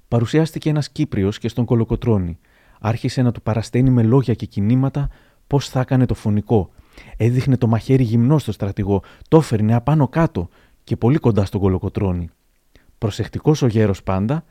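A man giving a measured, formal scripted reading of historical anecdotes as narrator. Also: medium pitch, dark tone, no room sound.

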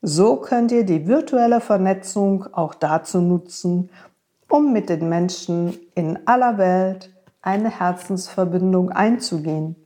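A woman voicing a wise, gentle horse who speaks tenderly and reassuringly to a young friend. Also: on the low side, unhurried, natural voice.

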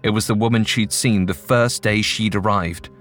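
A man narrating a ghost story in a measured, suspenseful storytelling manner. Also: fairly low pitch, fairly even intonation, a bit bright. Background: faint music.

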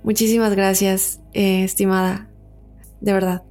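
A woman's voice: mid-range voice, little pitch movement, measured pace, faint music behind. A woman hosting a podcast, talking casually and chattily with fillers. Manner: chatty, warm-hearted, with fillers. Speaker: podcast host.

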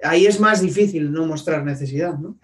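Male host, slightly high voice, a bit distant from the mic, searching questions. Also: brisk. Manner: thoughtful, rephrases questions with hesitations. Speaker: podcast host. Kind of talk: conversational interview questions.

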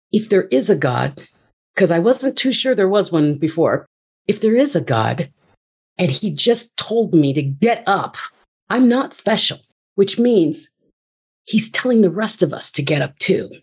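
A woman's voice: mid-range voice, sing-song, a little slow, a little mellow, slightly rough. A woman speaking as a podcast guest, earnestly and reflectively telling her personal story and acting out her inner voices.

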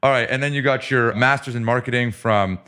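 A man's voice: mid-range voice, brisk, bright, forceful tone. A man hosting a business podcast interview, upbeat and joking as he reads out his guest's background. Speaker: podcast host. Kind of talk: casual interview.

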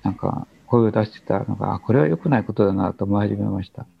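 Gravelly older man in his seventies. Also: fairly low pitch. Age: 70s. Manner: slow, halting, thoughtful. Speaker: guest teacher. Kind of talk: reflective interview talk. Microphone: video call. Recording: dull lo-fi video call audio.

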